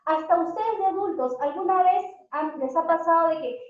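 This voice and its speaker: High-voiced woman teaching parents, echoey room. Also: moderate pace. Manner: asks the audience many questions. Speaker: parenting workshop speaker. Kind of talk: talk to parents. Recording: very echoey, dull lo-fi sound.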